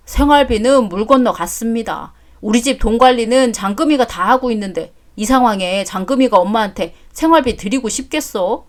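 A woman's voice: on the high side, a little fast, few pauses, natural voice. A woman voicing an exasperated adult son who answers his mother curtly in a story drama. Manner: curt, exasperated. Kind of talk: story drama read aloud.

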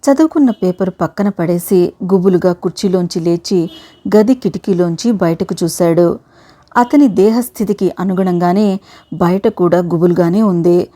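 A woman storyteller narrating a short story, with even, measured audiobook delivery. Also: fairly low pitch.

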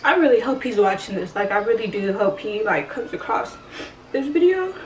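A woman's voice: medium pitch, a little fast. A woman in her twenties telling a personal story in a casual vlog, blunt, emotional and full of swearing. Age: 20s. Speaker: vlogger. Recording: roomy echo, distant from the mic, faint ambient noise.

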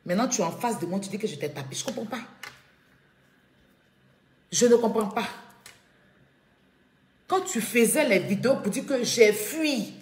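A woman's voice: a little high, expressive, moderate pace, long pauses. Indignant woman in an echoey room. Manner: indignant, repeats her points emphatically. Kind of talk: live video monologue. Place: at home, echoing room.

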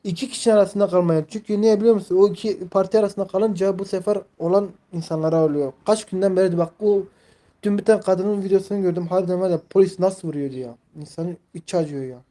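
A man's voice: high voice, fast, dark tone. A man in his twenties chatting casually on a live stream, rambling, leaning heavily on fillers and reading viewers' messages aloud. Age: 20s. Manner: rambling, filler-heavy, reads chat aloud.

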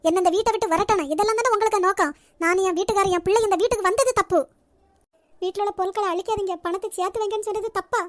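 A woman doing a shrill, sarcastic, grasping housewife. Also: little pitch movement, very fast, few pauses, no room sound, studio quality. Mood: wailing. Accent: Nagercoil Tamil. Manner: sarcastic, complaining. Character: sharp-tongued, grasping middle-aged housewife. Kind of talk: cartoon voice acting.

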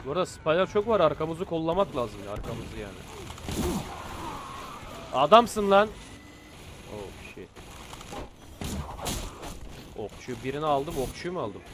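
A young man giving excitable, casual commentary on his own gameplay, muttering one moment and shouting the next. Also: on the high side, moderate pace, pauses often, noisy background. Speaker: gameplay video host.

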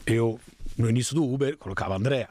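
A man's voice: medium pitch, fast talker. A man in his fifties from Italy with an Italian accent, chatting as an interview guest and acting out the voices of people in his stories. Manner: animated storyteller acting out quoted voices. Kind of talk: casual interview chat.

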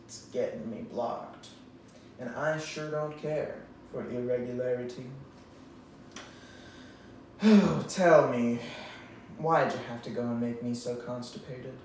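Slow, hammy young man in an echoey room. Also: medium pitch. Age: young adult. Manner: hammy stage-actor delivery with theatrical pauses. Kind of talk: mock-serious dramatic reading of comic verse. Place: indoors in a bare, echoey room. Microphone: distant camera microphone. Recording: very echoey room, far microphone, faint noise.

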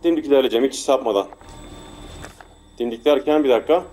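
A man casually commenting on his own gameplay, muttering to himself and getting frantic and loud when chased. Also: medium pitch, fast talker, soft background music. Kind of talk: casual let's play commentary.

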